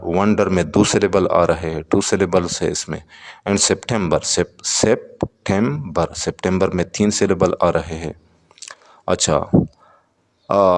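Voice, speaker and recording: A man's voice: sits low, big-room sound. A man teaching an English lesson, going word by word, repeating terms and asking his students questions. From Pakistan. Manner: slow, repeats words and asks students questions. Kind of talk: classroom lesson explaining vocabulary.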